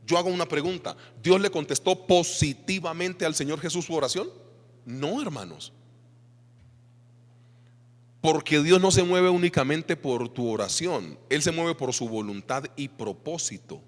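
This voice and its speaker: Male pastor, Colombian Spanish accent, higher voice, sermon in a long-reverb church hall. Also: unhurried. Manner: animated preaching with rhetorical questions to the congregation.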